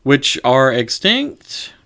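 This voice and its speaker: A man's voice: medium pitch, very animated, drawn-out words, crowd noise. A man co-hosting a casual podcast, listening and chiming in with dry jokes. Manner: laid-back listener with dry jokey interjections. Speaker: podcast co-host.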